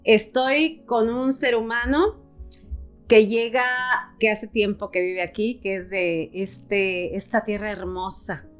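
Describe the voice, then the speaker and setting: A woman's voice: mid-range voice, steady tone, slow, soft background music. A woman hosting a podcast interview, speaking to her guest in an affectionate, welcoming way. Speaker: podcast host. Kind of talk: conversational interview.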